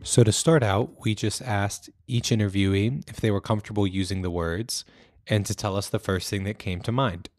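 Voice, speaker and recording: A young man hosts a student podcast in a measured, scripted read. His voice sits on the low side. The recording is close and dry, with no room sound around it. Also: steady tone, darkish tone, no echo. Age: young adult. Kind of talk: scripted narration.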